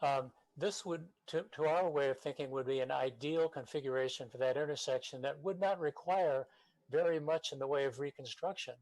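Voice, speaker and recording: A man's voice: fairly high pitch, darkish tone, no room sound, low-quality recording. Man calling in to a meeting, dry sound. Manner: halting, many fillers and restarts. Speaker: public commenter for a neighborhood association. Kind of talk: public comment at a city meeting. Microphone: remote call-in.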